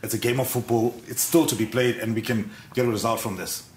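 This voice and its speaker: A man's voice: mid-range voice, fairly even intonation, quick pace, darkish tone, roomy sound, a little hiss or hum. A man in his thirties hosting a morning TV sports segment, asking long, probing questions with frequent fillers in a studio. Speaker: TV sports show host. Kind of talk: studio interview.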